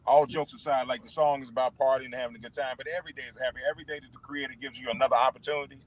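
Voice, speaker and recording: A man, an animated guest telling stories in casual chat, stammering and restarting, from a parked car. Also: medium pitch, rapid-fire. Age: 50s. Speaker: musician guest. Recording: dull lo-fi sound.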